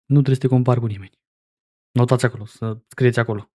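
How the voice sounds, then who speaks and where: A man's voice: mid-range voice, fairly even intonation, darkish tone. A man in his forties giving casual, sarcastic reaction commentary as a streamer. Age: 40s. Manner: sarcastic, mocking.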